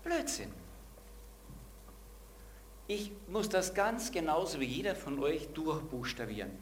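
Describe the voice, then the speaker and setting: A man's voice: fairly high pitch, sing-song, measured pace, a little hiss or hum. A man preaching a sermon and asking the congregation direct questions.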